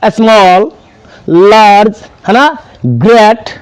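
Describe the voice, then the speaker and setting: A man's voice: high-pitched, drawn-out words, clean tone, dry recording. A man teaching an English grammar class, spelling words out and quizzing students. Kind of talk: classroom lesson.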